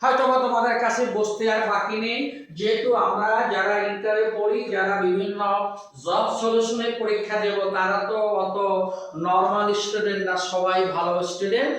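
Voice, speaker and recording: A man teaching a lesson at a whiteboard in a classroom, repeating each sound and rule slowly. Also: high-pitched, level tone, fairly bright tone. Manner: slow, drawn-out repetition of sounds and rules. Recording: very echoey room, voice far from mic.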